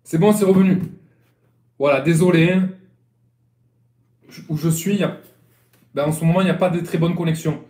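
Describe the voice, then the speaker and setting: A man's voice: fairly high pitch, fairly even intonation, fairly quick, long pauses, a little mellow, reverberant. A man with a Marseille accent, a sailing coach chatting loosely through a live-stream lesson, often repeating and restarting his phrases. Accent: Marseille French. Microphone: live-stream phone or webcam.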